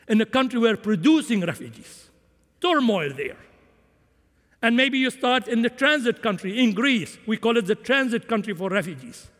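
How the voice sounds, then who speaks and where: A man's voice: extremely high pitch, big pitch swings, normal speed, a bit bright. A man who grew up in Syria, preaching a sermon with impassioned swings in volume. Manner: impassioned, rising and falling volume. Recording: long hall reverb.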